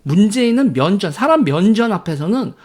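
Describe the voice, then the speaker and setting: Sarcastic man with a lively voice. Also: high voice. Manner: sarcastic, mocking, quick to laugh. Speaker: political commentator. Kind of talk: casual solo commentary.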